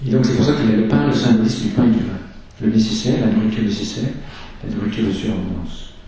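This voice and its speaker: A man giving a sermon, teaching in a slow, measured way and reading scripture aloud. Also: fairly low pitch, warm tone, slight background noise. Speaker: preacher. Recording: echoey church from far off.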